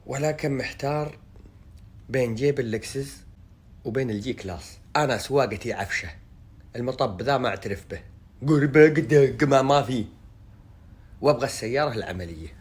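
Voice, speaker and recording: A man's voice: medium pitch, fairly quick, long pauses, slightly rough. A man with a Gulf Bedouin Arabic accent, chatting casually to his followers as a vlogger in a colloquial, jokey storytelling way. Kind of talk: casual vlog chat to followers.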